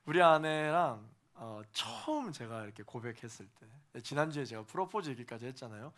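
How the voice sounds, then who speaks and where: A male pastor preaching to young adults, emphatic, repeating phrases for stress and swinging between soft and loud. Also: medium pitch, lively intonation, a little fast. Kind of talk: sermon to a young adults' congregation.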